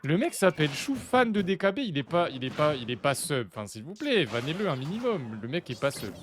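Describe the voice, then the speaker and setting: A man's voice: on the high side, brisk, music in the background. Chatty young man streaming live. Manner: chatty, excitable, addressing chat. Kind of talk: casual live-stream chat.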